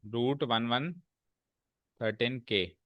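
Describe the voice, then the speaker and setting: A male maths teacher explaining a lesson step by step to his class, often checking in with quick questions. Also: medium pitch, muffled recording.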